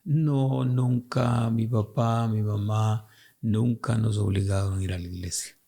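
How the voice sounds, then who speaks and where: A Salvadoran pastor with a Salvadoran Spanish accent talks slowly and with care on a radio interview. His voice has a gravelly rasp and a dark, mellow tone. He hesitates often and agrees with short murmurs. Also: fairly low pitch, steady tone.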